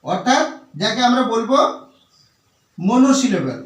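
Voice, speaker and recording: A man teaching English vocabulary in Bengali, speaking slowly and repeating words, spelling them out letter by letter. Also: very high-pitched, big pitch swings, roomy sound, far from the mic.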